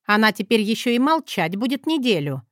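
A woman voicing a bossy, sharp-tongued older mother who barks orders and scolds in a brusque, commanding way. It is read as part of an audiobook. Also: on the high side, very animated, fairly quick, no echo, studio quality, pitched above the performer's own voice.

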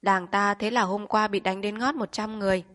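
Landlord's wife, anxious and chatty, played by the narrator. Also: female voice, medium pitch, fairly even intonation, normal speed, a bit bright, close to an everyday voice. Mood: worried. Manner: worried, chatty.

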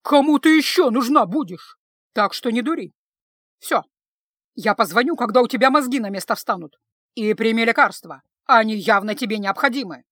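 A woman voicing a loud, lecturing middle-aged mother. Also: medium pitch, animated, normal speed, no echo, studio quality. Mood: indignant. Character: scolding middle-aged mother, domineering and indignant.

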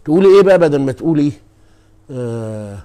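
A man with an Egyptian Arabic accent giving a live-streamed religious lecture as a preacher and scholar. He speaks emphatically, moves between quiet asides and loud stressed words, and often addresses his listeners directly. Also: medium pitch, lively intonation, fast talker.

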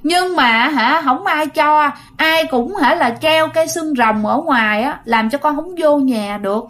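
A woman's voice: high voice, unhurried, a bit bright, pitched above the performer's own voice. A woman voicing the ghost of a young girl under ten who sulks and pleads in a childish, whiny way. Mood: sulky pleading.

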